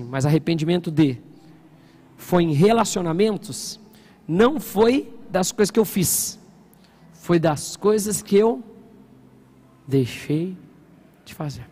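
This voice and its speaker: A male pastor preaching an animated Sunday sermon, often asking the congregation questions. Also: high voice, takes it slowly, long pauses. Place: church service.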